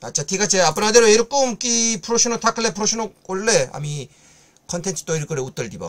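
Korean man teaching with a lively high voice. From South Korea. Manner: slow, halting explanations with many fillers. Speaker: language teacher. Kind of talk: online language lesson.

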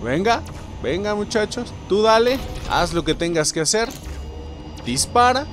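A man with a Mexican accent narrates his own shooter game run, cursing and taunting enemies as he goes. His voice sits a bit high and swings wildly up and down. Game music plays clearly behind him. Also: a little slow. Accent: Mexican Spanish. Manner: excitable, swears constantly, talks to the enemies and viewers. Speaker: gaming video host. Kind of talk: playing a shooter video game with excited commentary.

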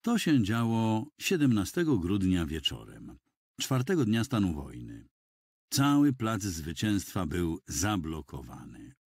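A man reading a first-person audiobook in a measured, dramatic storytelling manner, close to a studio mic. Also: low-pitched, sing-song, darkish tone, husky, no echo. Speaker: audiobook reader.

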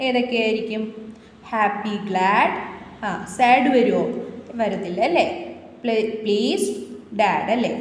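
Slow sing-song woman teacher, echoey room. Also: medium pitch, a little mellow, slight background noise. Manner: slow, sing-song drilling of words, English phrases read very slowly. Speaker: English teacher. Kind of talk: classroom lesson for young children.

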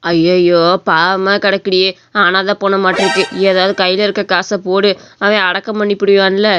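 A woman's voice: medium pitch, level tone, normal speed, dull audio, music in the background, natural voice. A woman voicing a pitying older village woman in a cartoon, talking in a lamenting, bossy way.

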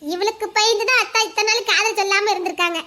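A woman acting out family members in a home-made drama, with lively teasing banter. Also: very high voice, fast talker, background noise. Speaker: voice actor playing family members.

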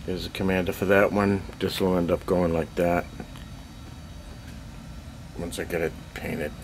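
Slow, deep-voiced older man in basement. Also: level tone, a little hiss or hum. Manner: rambling, self-deprecating, frequent throat clearing. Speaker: miniature painting hobbyist. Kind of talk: casual show-and-tell update. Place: cluttered basement hobby room. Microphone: handheld camera.

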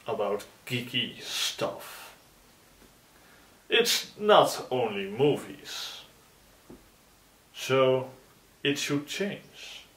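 Man playing a pompous slow-talking demon. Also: fairly low pitch, gravelly, fairly bright tone, full character voice. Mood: commanding. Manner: pompous, dramatic proclamations. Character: grandiose theatrical male demon, ex-puppet. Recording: roomy echo.

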